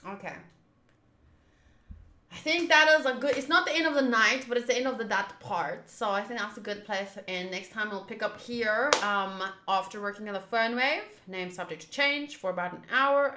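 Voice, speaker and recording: A young woman streams a game playthrough from a room at home, chatting casually with viewers and commenting as she plays. Her medium-pitched voice is bright and forceful at a normal speed, and the room sounds echoey.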